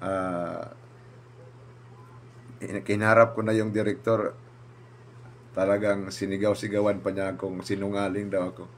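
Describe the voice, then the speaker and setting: A man's voice: on the low side, measured pace, pauses often, a little hiss or hum. A man, a pastor, telling a personal story and acting out what others said. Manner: animated, acts out quoted speakers with raised voice.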